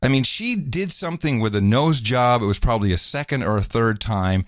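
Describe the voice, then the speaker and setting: A man's voice: medium pitch, fairly quick, no room sound, studio quality. A man co-hosting a podcast, giving casual, sarcastic political commentary with sudden leaps into mocking voices. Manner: animated, sarcastic, jumps into mock voices. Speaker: podcast co-host.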